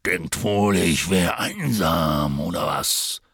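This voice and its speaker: A man voicing Hagrid, a grumpy giant, in a husky, gravelly, slow drawl. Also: sits low, lively intonation, a bit bright, no echo, studio quality, pitched below the performer's own voice, exaggerated voice.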